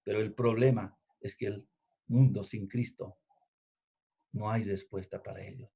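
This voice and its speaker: A man preaching a sermon, emphatic, repeating key phrases and swinging between loud and hushed delivery. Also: lowish voice, fairly even intonation, unhurried, gravelly, breathy edge. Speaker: pastor.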